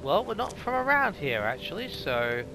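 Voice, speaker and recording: A man's voice: high voice, sing-song, normal speed, background noise. A man giving casual, sarcastic let's play commentary on a video game, thinking aloud. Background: game music and sounds.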